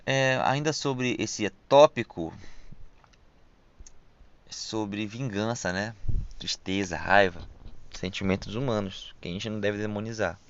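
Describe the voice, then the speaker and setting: A young Brazilian-accented man with a low, gravelly voice muses his way through a solo podcast, full of slang and loose asides. His s sounds slide into a soft sh. The recording is dull and lo-fi with a dry, close sound. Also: takes it slowly, pauses often. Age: young adult. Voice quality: hissing s sounds pronounced as sh. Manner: rambling and reflective, with frequent slang and fillers. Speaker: podcast host. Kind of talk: casual solo podcast monologue.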